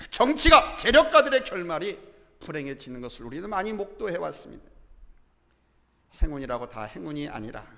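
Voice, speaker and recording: A male pastor delivering a Sunday sermon in a church, telling a story with animated delivery and acting out its characters. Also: sits high, creaky. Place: church sanctuary. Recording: echoey church hall.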